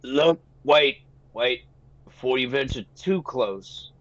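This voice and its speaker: A man's voice: mid-range voice, takes it slowly, fairly bright tone, slight background noise. Playful hammy male player, lo-fi. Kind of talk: in-character tabletop play.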